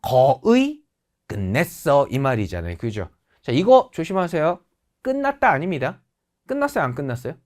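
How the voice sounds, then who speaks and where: A woman's voice: low voice, sing-song, normal speed, a little mellow. A woman teaching a TOEIC English class in Korean with Korean-accented English phrases, acting out quoted dialogue in exaggerated tones. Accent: Korean, with English example phrases. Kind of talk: lively lecture.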